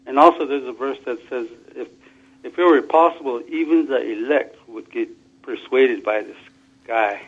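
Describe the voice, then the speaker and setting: A man's voice: medium pitch, moderate pace, slightly rough. A man calling in to a talk show over a phone speaker, speaking earnestly and restarting small phrases as he argues his points. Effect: phone speaker line. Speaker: call-in caller. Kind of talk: call-in talk show chat. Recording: muffled lo-fi phone call.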